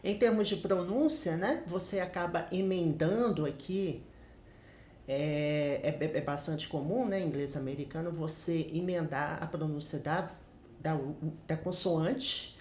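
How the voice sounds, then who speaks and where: A man's voice: a little high, slow pace, darkish tone, reverberant, a little hiss or hum. A man teaching English grammar in a casual, chatty way, often adding little tag questions as he explains.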